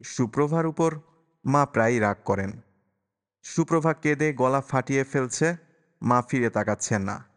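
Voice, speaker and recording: A man narrating an audiobook in a calm, measured storytelling voice. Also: mid-range voice, smooth. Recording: long reverberant echo.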